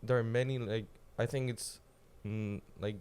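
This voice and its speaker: A man's voice: on the low side, fairly even intonation, a little slow, darkish tone, clean tone. A teenage man from Poland with a Polish accent, a guest speaking in casual podcast chat who searches for words with many fillers. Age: teens. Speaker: guest, student youth leader.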